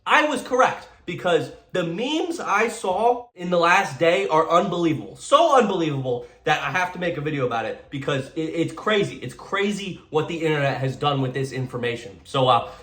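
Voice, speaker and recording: A man's voice: a little high, lively intonation, moderate pace, hardly any pauses, a bit bright, reverberant. A man giving casual, sarcastic comedic commentary while reacting to memes, often stammering and repeating himself.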